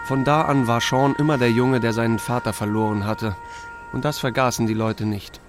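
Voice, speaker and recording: A man narrates and leads this audio drama as a terse small-town sheriff telling his own story, including dialogue, in a dry, understated manner. With music underneath, his medium-pitched voice holds a steady tone at normal speed, lightly acted.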